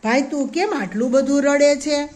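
A woman teacher voicing a kind, gentle female forest goddess in a storybook tale for young children. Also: high-pitched, normal speed, lightly acted. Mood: concerned.

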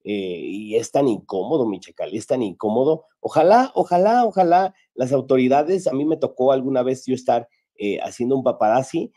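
Brief: Mexican male host, mellow, rambling storyteller. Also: mid-range voice, expressive, moderate pace, hardly any pauses. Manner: storytelling, many restarts and fillers. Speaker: show host, paparazzo. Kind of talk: casual chat.

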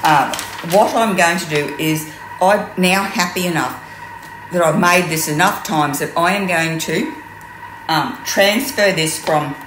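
A woman in her sixties with an Australian accent, giving a chatty, rambling cooking tutorial in her home kitchen, with plenty of ums. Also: lowish voice. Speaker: cooking demonstrator. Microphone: camera mic from mid distance. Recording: roomy kitchen with steady noise.

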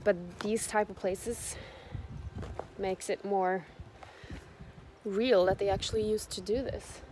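A woman's voice: mid-range voice, steady tone, takes it slowly, darkish tone, slight background noise. A young woman chatting casually into her phone aboard a sailing boat, upbeat, with frequent fillers. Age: young adult. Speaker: vlogger. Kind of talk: casual travel vlog. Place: sailing boat, cabin and open deck. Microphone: phone at arm's length. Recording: music playing underneath.

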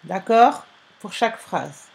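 Slow, careful woman teacher dictating. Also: medium pitch, lively intonation, gravelly, darkish tone. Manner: slow, careful, repeats each word and spells it out. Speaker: primary school teacher. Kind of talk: dictation lesson for young pupils.

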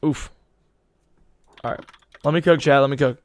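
A man's voice: medium pitch, steady tone, moderate pace, dry recording. A young man streaming live, rambling casually to his chat in slangy talk, his voice a little worn out.

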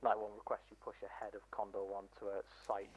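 Guy on crackly military radio, monotone, rattles off orders quick, faint noise. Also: lowish voice, highs cut off. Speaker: military sim ground commander. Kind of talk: brisk military radio tasking.

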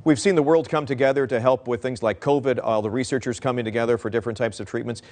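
A middle-aged man anchoring a studio news segment, asking brisk, friendly questions. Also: mid-range voice, steady tone, a little mellow.

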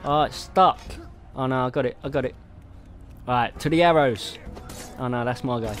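A man with a mid-range, slightly bright voice chats casually at normal speed while playing a game alone, laughing and muttering to himself. Game music plays faintly in the background.

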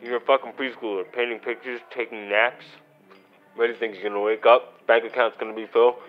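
A man in a short film, loudly mocking and scolding another. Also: lowish voice, slow pace, highs cut off, faint music behind.

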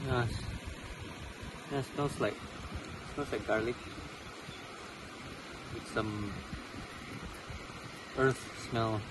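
Slow-talking young man outdoors. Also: mid-range voice, fairly even intonation, background noise. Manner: slow, unhurried explaining. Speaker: vlogger's companion. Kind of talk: casual chat. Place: woodland by a stream, outdoors. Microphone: camera nearby, held by someone else.

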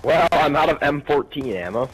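A man's voice: a little high, lively intonation, a little fast, background noise. A young man in casual game chat, complaining about his luck. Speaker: gamer.

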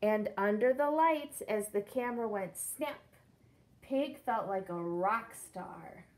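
Speaking slowly in a slightly mellow, medium-pitched voice, a woman in her thirties reads a picture book with expression to young children. As a teacher, she explains it in simple terms and puts questions to them, recording indoors in a small room with a brick-patterned wall behind her.

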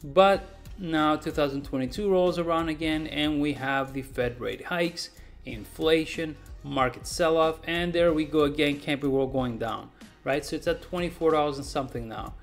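A man's voice: a little high, normal speed, vocal fry, faint music behind. A man in his forties talking casually through a stock analysis, emphatic and repeating words for stress, recorded at his desk. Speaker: stock market YouTuber. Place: small room indoors.

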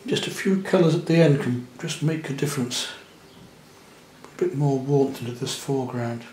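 A man demonstrates a watercolour painting in his studio, speaking in a relaxed, chatty way as he works. His voice is mid-pitched and carries a noticeable room echo. A faint background hum sits beneath him. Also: normal speed. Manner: gentle, chatty, thinking aloud while painting. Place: indoor studio at the easel.

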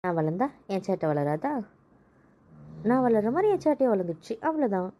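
A cheeky young wife who talks back and sighs with exasperation , as a woman acts her. Her tone is mellow and warm. It is an amateur audio drama. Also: medium pitch, sing-song, fairly quick, natural voice.

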